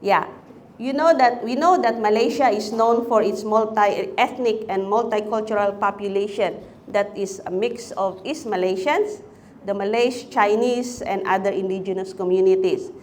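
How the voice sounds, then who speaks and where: A woman's voice: medium pitch, moderate pace, a little mellow, slight background noise. A woman from the Philippines giving a chaplaincy talk, chatty, asking the audience questions. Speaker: chaplaincy speaker.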